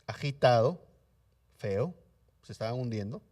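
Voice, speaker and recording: Pastor swinging from loud to hushed. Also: male voice, medium pitch, lively intonation, unhurried, distant mic. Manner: shifts between loud emphatic lines and hushed soft lines; asks the congregation questions and answers them. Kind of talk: sermon. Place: church sanctuary.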